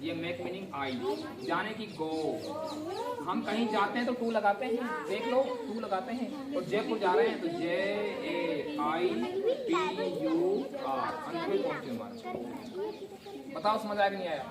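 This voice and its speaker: Picked up from a distance in an echoey classroom, a teacher runs a grammar lesson, spelling out words letter by letter and putting questions to students who answer. The voice is medium-pitched with big pitch swings, a little slow, over a noisy crowd.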